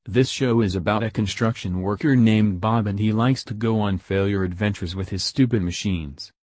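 Guy reading a rant, flat and blunt, lowish voice. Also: moderate pace, no room sound, clean studio sound. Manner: blunt, flat listing of insults. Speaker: ranter.

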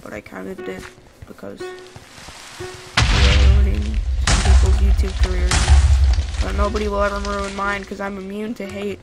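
A young man giving rambling, excitable gameplay commentary to his viewers from home. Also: sits high, normal speed, vocal fry, pauses often, loud music behind the voice. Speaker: gaming YouTuber. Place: home room. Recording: noisy home mic with keyboard clicks. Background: keyboard typing and clicks.

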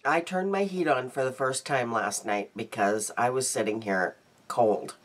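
Speaking at a measured pace with an extremely low pitch, a congested-sounding woman in her fifties rambles through a daily beauty vlog about her day and makeup. She's chatty and says um a lot. It's captured on a close webcam in her small room at home.

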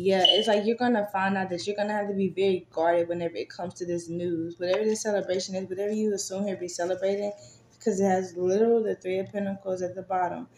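A tarot reader with a mid-range, somewhat mellow voice gives a casual, chatty reading, swearing freely and using lots of fillers. The room is echoey, with faint noise.

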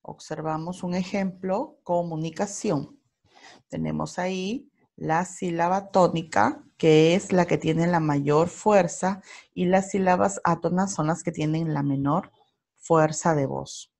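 Slow-speaking Peruvian woman teacher. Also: on the low side, fairly even intonation, gravelly, a little mellow. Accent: Peruvian Spanish. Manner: slow, careful explanation with spelled-out examples. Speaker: primary school teacher. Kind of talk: recorded online grammar lesson.

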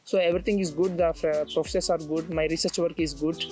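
His voice is a little high, slightly mellow, and fairly even, and he talks fast over faint background music. The young international student from India, interviewed outdoors on a tree-lined campus, hesitates a lot, with frequent fillers and restarts.

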